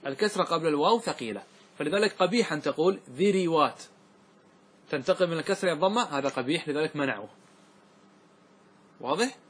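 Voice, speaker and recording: Husky male grammar teacher quizzing students. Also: a little high, expressive, very fast, long pauses, fairly bright tone. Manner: keeps checking students follow, asks them questions; repeats examples and recites verses in a raised voice. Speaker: Islamic scholar teaching Arabic grammar. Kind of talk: classroom lecture explaining a grammar poem.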